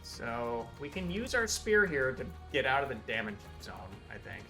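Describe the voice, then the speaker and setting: A man's voice: medium pitch, big pitch swings, moderate pace, bright, forceful tone, faint music behind. A man leading a casual gameplay chat on a stream, upbeat and thinking aloud as he plays. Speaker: game studio head playing on a stream.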